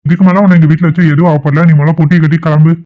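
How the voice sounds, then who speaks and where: A man's voice: a little high, little pitch movement, racing, phone-quality sound, close to an everyday voice. A man voicing an exasperated grown son in a cartoon, talking firmly. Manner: firm, exasperated. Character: exasperated grown son dealing with family quarrel. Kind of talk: cartoon voice acting.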